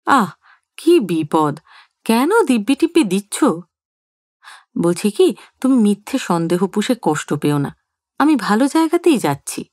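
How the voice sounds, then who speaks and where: A woman's voice: mid-range voice, sing-song, a little slow, long pauses, darkish tone, no echo, clean studio sound. A woman voicing a teasing older husband. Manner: jokey, mock-innocent banter.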